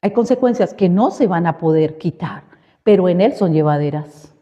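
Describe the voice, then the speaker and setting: A woman's voice: on the low side, expressive, normal speed, dark tone. Fervent woman preaching in a hall. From Colombia. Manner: fervent, asks the congregation questions. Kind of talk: sermon. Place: church hall. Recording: reverberant hall, dull lo-fi sound.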